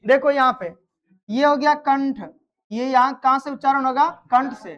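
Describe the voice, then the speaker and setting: In a live grammar lesson, a woman quizzes her students, repeats their answers and checks that they understand. Her voice is high-pitched and moves at a moderate pace, and the high frequencies sound cut off.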